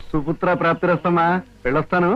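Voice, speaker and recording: A man's voice: fairly high pitch, lightly acted. An actor playing a sly fake palm reader who sweet-talks a woman, in an old film. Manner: slow, sweet-talking and flattering. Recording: muffled old film soundtrack with music.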